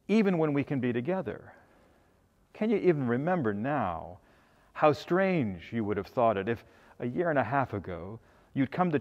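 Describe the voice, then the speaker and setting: An older man, a bishop, preaching a sermon with a measured, earnest manner. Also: medium pitch, long reverb tail, muffled recording. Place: cathedral sanctuary, then a home dining room.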